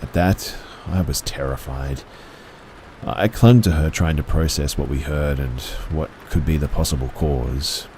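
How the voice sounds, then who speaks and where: Very deep-voiced man narrating horror. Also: a little mellow, a little hiss or hum, poor audio.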